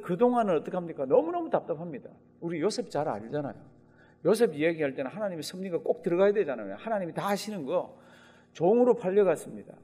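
A man preaching a sermon as a pastor, speaking animatedly and acting out quoted lines with sudden loud outbursts. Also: sits high, breathy edge. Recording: long reverb of a large hall.

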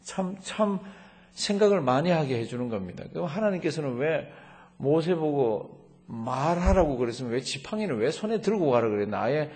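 A middle-aged male pastor preaching a sermon, asking rhetorical questions and slowing down to read scripture aloud, in a church sanctuary. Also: fairly high pitch, expressive, a little mellow. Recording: long church hall reverb.

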